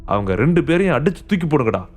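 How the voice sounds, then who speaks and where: A man's voice: fairly high pitch, sing-song, fast talker, soft background music. A man doing a furious rich father. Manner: shouting orders, furious. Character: rich angry father, middle-aged man, arrogant. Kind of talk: audiobook character voice.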